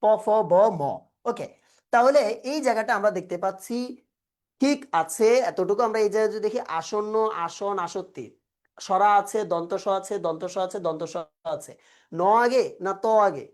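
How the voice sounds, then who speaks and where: A woman's voice: mid-range voice, moderate pace. A woman teaching an exam-prep lesson, asking questions and answering them herself step by step. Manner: explains step by step, asks and answers own questions.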